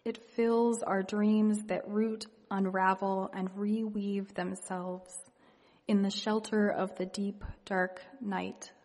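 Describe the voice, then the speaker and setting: Slow, hushed woman in a reverberant hall. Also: mid-range voice, flat delivery. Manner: hushed, gentle, unhurried with long pauses. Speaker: meditation leader. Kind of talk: guided meditation and reflective poetry reading. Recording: long reverberant hall echo.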